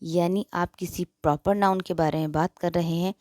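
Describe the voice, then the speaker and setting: A woman teaching a grammar lesson to her viewers, explaining slowly and carefully. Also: fairly low pitch, steady tone, darkish tone, dry recording, clean studio sound.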